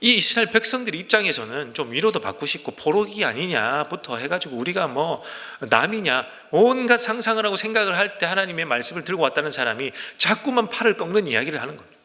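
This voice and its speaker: A man preaching to his congregation with a bright, forceful voice that swings widely up and down. His delivery is emphatic and full of rhetorical questions, and his voice rings out in a church sanctuary with a long hall reverb. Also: on the high side, sing-song, fast talker, few pauses. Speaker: pastor. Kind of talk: sermon.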